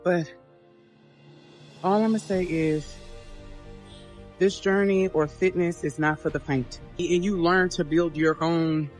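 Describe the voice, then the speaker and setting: A woman's voice: fairly low pitch, fairly even intonation, takes it slowly, pauses often, a little mellow, faint music behind. A woman in her thirties, a fitness vlogger, chatting to camera in an upbeat, motivational way from a phone at arm's length. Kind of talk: casual vlog talk to camera. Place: gym and parked car.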